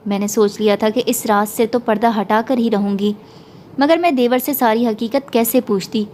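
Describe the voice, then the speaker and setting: A woman storyteller reads an emotional first-person tale in a steady, feeling voice. Her pitch sits slightly high, with a faint hiss behind her. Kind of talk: scripted story narration.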